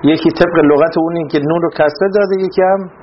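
A man with a high voice teaches a grammar class, working through each point step by step. He keeps stopping to ask whether his students follow. The recording is dull and lo-fi, with a faint hiss behind him. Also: fairly even intonation. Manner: explains step by step, often checking students understand. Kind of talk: classroom lecture.

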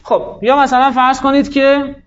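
A man's voice: extremely high pitch, level tone, lo-fi sound. A male teacher giving a grammar lecture, explaining rules step by step and asking and answering his own questions.

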